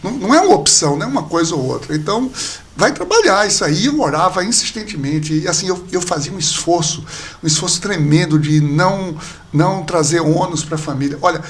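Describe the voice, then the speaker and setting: A man, a pastor and podcast guest, telling a personal story in casual conversation, lively and acting out the people he quotes. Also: fairly high pitch, a little fast. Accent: Brazilian Portuguese. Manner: animated storyteller, acts out quoted dialogue.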